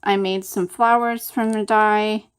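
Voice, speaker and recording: A woman hosting a craft channel, casually walking through a handmade project step by step in a relaxed, chatty way. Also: medium pitch, measured pace, smooth.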